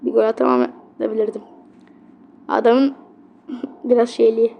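High pitched gamer girl, kinda gravelly, ranting at her football game and yelling at big plays, keeps saying sorry to viewers. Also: sing-song, normal speed, muffled recording. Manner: apologetic asides to viewers. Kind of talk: gameplay commentary.

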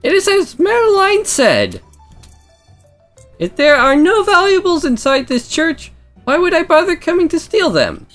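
A woman's voice: extremely high pitch, wildly swooping pitch, unhurried, soft background music, voice pushed up, exaggerated voice. A woman voicing an awkward, innocent, blunt hooded traveller in a visual novel. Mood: puzzled.

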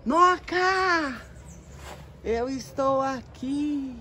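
A woman putting on the voice of cheerful orchid roots, calling out to their grower high above her usual pitch. The call comes loud and slow, each word stretched out. A faint hum of outdoor ambience sits behind it. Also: full character voice. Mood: eager calling.

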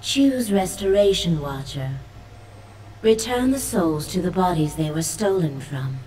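A woman voicing a gentle, solemn goddess in a video game, speaking in a measured goddess voice. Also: lowish voice, animated, distant mic, a little hiss or hum, poor audio. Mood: grave, urging. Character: gentle, solemn bird goddess granting a quest. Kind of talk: scripted video game voice acting.

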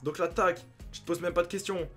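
A young man commentating his own game as a gaming youtuber, thinking aloud and breaking into excited outbursts. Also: high voice, brisk, faint music behind. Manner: excitable, talks to himself, sudden outbursts.

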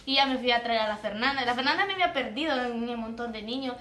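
Quick-talking Salvadoran young woman. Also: a little high, roomy sound, a little hiss or hum. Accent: Salvadoran Spanish. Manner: quick, lively retelling, dropping to a hushed tone at sad parts. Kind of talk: casual storytelling.

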